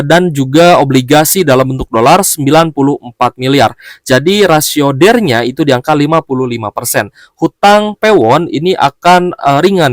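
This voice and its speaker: A man giving stock market analysis in a steady explanatory way, often stopping on fillers and short pauses. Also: mid-range voice, no room sound, clean studio sound.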